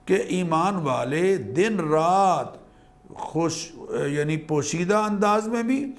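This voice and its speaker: Measured scholarly man explaining scripture. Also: high voice, expressive. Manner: measured, learned, weaves in Arabic quotations. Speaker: religious scholar guest. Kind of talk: religious explanation on TV.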